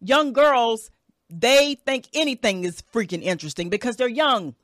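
With a mid-range, slightly bright voice, this woman in her thirties hosts a solo podcast of casual advice. Blunt and profane, she often tags her points with "okay?" The recording is studio quality, no echo.

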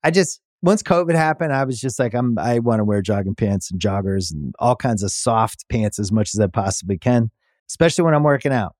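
A man's voice: medium pitch, a little fast, darkish tone, no room sound, studio quality. A man reading a sponsor ad in a chatty, personal way. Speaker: ad reader. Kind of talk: read sponsor ad.

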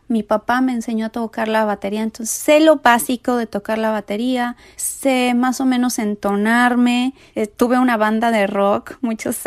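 Young woman, podcast host, chatty and rambling, slightly high voice, dry close sound. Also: dry recording. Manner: chatty, rambling, laughs often. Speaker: podcast host, nutrition creator. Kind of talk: casual monologue podcast.

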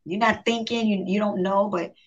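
A woman's voice: medium pitch, moderate pace. A woman singer as the guest in a casual interview, telling stories, acting out quotes and laughing often. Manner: lively storyteller who acts out quotes and laughs often. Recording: dull lo-fi live stream audio.

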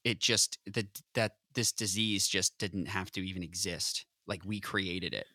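A man in his thirties chats casually with a bright, clear tone, recorded dry and close. He rambles, restarts his sentences often and laughs easily. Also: low voice, steady tone, unhurried, no room sound. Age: 30s. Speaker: podcast co-host. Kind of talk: casual chat.

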